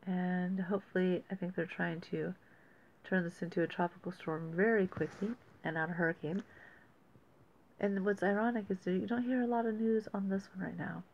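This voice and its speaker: A woman giving casual, unscripted commentary as host of an amateur weather report, speaking haltingly and thinking aloud with pauses. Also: fairly low pitch, steady tone, a little mellow. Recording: dull lo-fi audio with faint noise.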